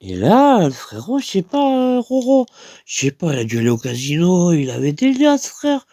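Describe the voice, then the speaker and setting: Rambling gravelly French comic storyteller. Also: male voice, sits high, huge pitch swings, moderate pace, mellow. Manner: rambling, full of hesitations, acts out other people's lines. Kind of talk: improvised comic anecdote.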